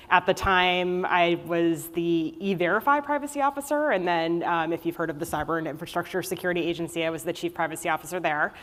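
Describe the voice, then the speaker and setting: A woman speaking on a conference panel in a conversational way with many fillers. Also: on the low side. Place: conference luncheon hall. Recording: reverberant hall.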